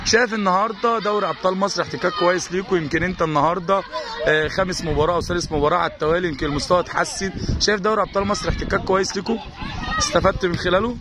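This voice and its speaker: A man with an Egyptian accent interviewing young players as a pitch-side sports reporter, firing off repeated questions. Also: over music. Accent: Egyptian Arabic. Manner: rapid, repetitive questioning. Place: outdoor football ground. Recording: noisy outdoor pitch-side recording.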